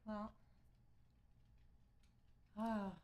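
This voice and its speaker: Woman streamer, middle-aged, casual rambling chat with viewers, mid-pitched. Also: level tone, extremely slow, darkish tone. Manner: chatty and rambling, thanking viewers, trailing off. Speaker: streamer ending a live music stream.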